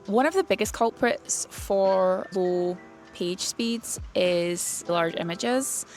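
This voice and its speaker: Soft music plays behind a woman whose mid-range, darkish voice is expressive and unhurried. Hosting a website tutorial series for writers, she explains things informally and plainly.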